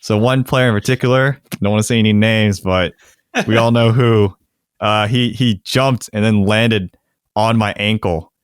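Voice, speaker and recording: In clean studio sound with no echo, a young man with a fairly low voice speaks at a moderate pace and with a clean tone. As a podcast co-host in a casual chat, he frequently laughs while telling lively stories.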